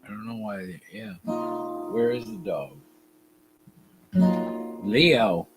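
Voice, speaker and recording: A man's voice: on the low side, a little slow, loud music behind the voice, poor audio. A man in his fifties hosting a casual livestream chat in a laid-back, sweary way. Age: 50s. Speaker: livestream host.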